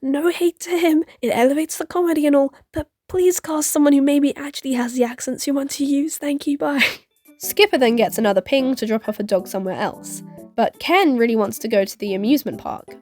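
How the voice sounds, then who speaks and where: A woman's voice: high-pitched, brisk, darkish tone, faint music behind. A woman in her twenties recapping a film in a casual commentary vlog, full of sarcastic asides and giggles. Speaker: YouTube commentator.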